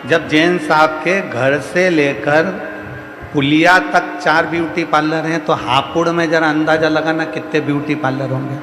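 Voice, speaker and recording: ऊँची आवाज़ वाले पुरुष कथावाचक, गूँजता hall. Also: male voice, a little high, fairly even intonation, a little slow. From India. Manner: rhetorical repetition, emphatic refrains. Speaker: kathavachak preacher. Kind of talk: devotional sermon to a live audience. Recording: roomy reverberant hall, faint music behind.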